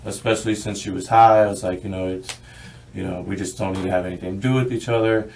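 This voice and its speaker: A young American man giving a halting account in a police interview, with short answers. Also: sits low, fairly even intonation, darkish tone, a little hiss or hum. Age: young adult. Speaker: suspect being questioned by police. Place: small bare interview room, indoors. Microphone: distant room camera. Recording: distant surveillance microphone in interview room.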